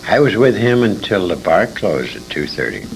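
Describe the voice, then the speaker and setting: A deep, creaky, sing-song voice at a moderate pace belongs to an older man reminiscing in an interview. Formerly a radio performer, he's an emphatic, opinionated storyteller who speaks with feeling, heard on a noisy amateur convention recording.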